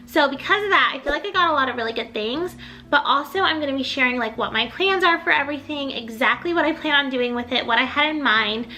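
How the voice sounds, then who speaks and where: A young adult woman vlogs about home decor in a chatty, rambling, upbeat way, her voice a little off because she is recovering from illness. It sits high, pushed and bright, at a quick pace.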